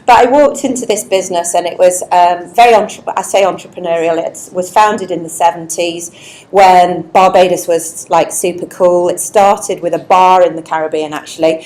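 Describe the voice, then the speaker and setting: Chatty, lower-voiced woman from Leeds. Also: steady tone, normal speed, a little mellow, poor audio. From Leeds, England. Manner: chatty, self-deprecating, laughs often. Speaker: guest speaker, company chief executive. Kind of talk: on-stage interview storytelling. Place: indoor networking event. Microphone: wireless microphone.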